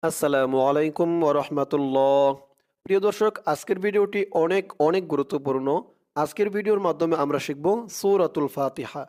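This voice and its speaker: High-voiced man teaching Quran recitation. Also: darkish tone. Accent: Bangladeshi Bengali. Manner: drawn-out melodic chanting of Arabic verses, spelling letter by letter. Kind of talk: Bengali religious lesson with slow Arabic recitation.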